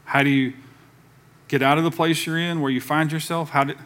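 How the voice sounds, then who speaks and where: A man preaching with a somewhat high voice, pressing each point hard and asking the congregation to answer back. He mixes firm sermon lines with loose, offhand asides. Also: steady tone, brisk, a bit bright. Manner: emphatic, calls for congregation response; conversational with casual asides. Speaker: pastor.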